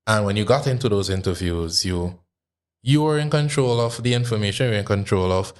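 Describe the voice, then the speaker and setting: A man hosting a casual interview, relaxed and encouraging, quick to laugh. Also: lowish voice. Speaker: host.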